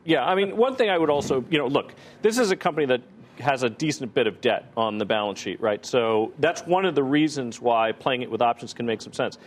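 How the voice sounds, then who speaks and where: A man's voice: medium pitch, brisk. A man giving blunt, opinionated commentary on a trade as a panelist on a financial TV show.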